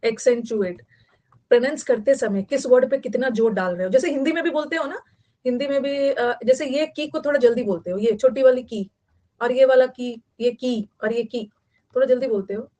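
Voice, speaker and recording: A woman's voice: high voice, a little fast, warm tone. A woman from Bihar, teaching vocabulary in a chatty online class and repeating key words for note-taking. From Bihar, India.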